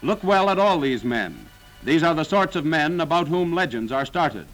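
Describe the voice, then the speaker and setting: A man's voice: on the high side, very animated, normal speed, fairly bright tone, faint music behind, low-quality recording. A man narrating a 1940s wartime newsreel in a dramatic, solemn, declaiming manner.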